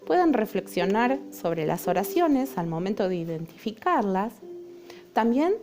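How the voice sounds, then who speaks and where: A woman's voice: mid-range voice, big pitch swings, a little slow, darkish tone, faint music behind. A young adult woman teacher, explaining a lesson patiently and often checking in with her students. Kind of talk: recorded online lesson.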